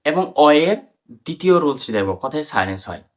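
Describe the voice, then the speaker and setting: A man with a Bengali accent teaching an English pronunciation lesson, spelling out words letter by letter and repeating them slowly. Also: medium pitch, big pitch swings.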